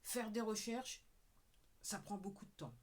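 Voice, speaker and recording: Speaking a little slowly at medium pitch, a woman video creator addresses her viewers in a loose talking-head monologue. She rambles, keeps saying "ok," and occasionally drops to a murmur.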